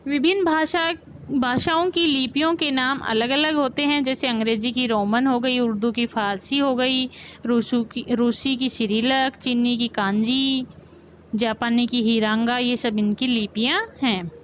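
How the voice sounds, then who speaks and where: A woman's voice: on the high side, steady tone, unhurried, a little hiss or hum, poor audio. A woman teacher, giving a grammar lesson and asking the class questions, then repeating the key points. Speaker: school teacher.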